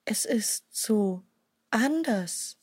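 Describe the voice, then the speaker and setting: A woman voicing a fierce, protective mother wolf in a children's storybook, speaking gently and slowly. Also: mid-range voice, big pitch swings, no echo, studio quality, pitched above the performer's own voice. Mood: tender. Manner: soft and tender, turning fierce when defending.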